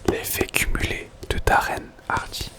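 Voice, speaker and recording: A man speaks unhurriedly in a breathy, unvoiced whisper, presenting and reading books in an informal ASMR style.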